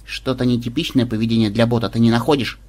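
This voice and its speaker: Мужчина изображает невозмутимую внучку. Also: male voice, medium pitch, level tone, fast, darkish tone, lightly acted. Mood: wry. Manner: dry and gloomy. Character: calm, wry young woman, the captain's granddaughter.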